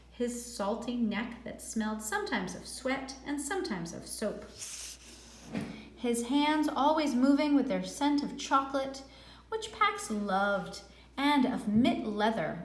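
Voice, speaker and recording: In a reverberant, roomy recording, a medium-pitched woman reads a picture book like a teacher would. She is expressive and deliberate, stretching words for drama and pausing for quick explanatory asides.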